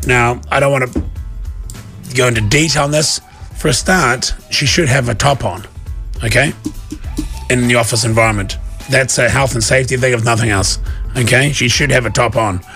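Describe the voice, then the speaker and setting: A man with a New Zealand accent doing rambling, deadpan comic banter as a casual radio host. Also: medium pitch, moderate pace, pauses often, soft background music.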